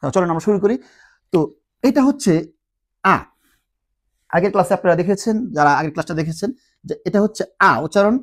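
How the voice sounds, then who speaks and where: A man's voice: high-pitched, animated. Patient man sounding out syllables. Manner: patient, asks rhetorical questions and answers them himself; sounds out syllables slowly one by one. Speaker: language teacher. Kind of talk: explanatory tutorial lesson.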